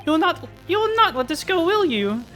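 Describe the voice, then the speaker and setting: A woman voicing an indignant courtroom witness who shouts outraged denials in an amateur game voice-over. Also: very high voice, big pitch swings, brisk, faint music behind, voice pushed up, exaggerated voice.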